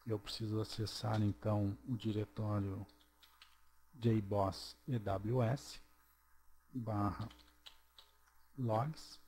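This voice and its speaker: A man narrating a screen-recorded programming tutorial, walking through each step slowly and checking in with "ok?". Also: lowish voice, fairly even intonation, warm tone, slight background noise. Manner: slow, step-by-step, checks in with "ok?" and "certo?".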